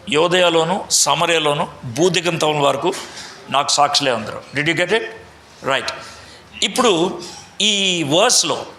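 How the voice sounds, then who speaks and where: A man's voice: on the high side, pushed and bright, roomy sound, a little hiss or hum. A man teaching a Bible lesson to a meeting, quizzing the audience and mixing in English phrases. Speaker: preacher. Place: large meeting hall.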